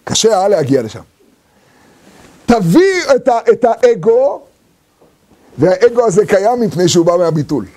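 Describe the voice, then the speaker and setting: A man's voice: high-pitched, sing-song, pauses often, warm tone. A man teaching a Torah lesson to a group. He asks many rhetorical questions and acts out the voices of the people he quotes.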